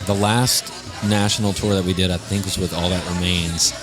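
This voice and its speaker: A man's voice: deep voice, moderate pace. A man from New Orleans, a band member, chatting casually and cussing easily in an interview at a bar. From New Orleans, USA. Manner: relaxed, cussing, laughs easily. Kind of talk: casual chat. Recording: live music and bar noise.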